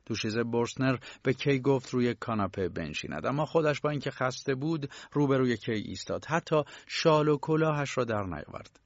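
A man narrating an audiobook in a calm, even storytelling voice. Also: medium pitch, dry recording, highs cut off. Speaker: audiobook reader. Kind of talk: scripted narration.

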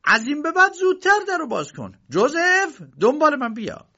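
A man voicing a hot-tempered middle-aged uncle who talks in a loud, demanding way in an audiobook, on a dull lo-fi recording. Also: very high voice, sing-song, gravelly, voice pushed up, full character voice. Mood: angry. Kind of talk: audiobook character voice.

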